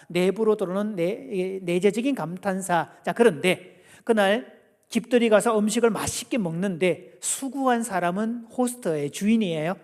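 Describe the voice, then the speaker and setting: A man giving a lively church family seminar, playfully asking the audience questions and acting out quotes. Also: sits high. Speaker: guest seminar lecturer. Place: church sanctuary. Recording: long church hall reverb.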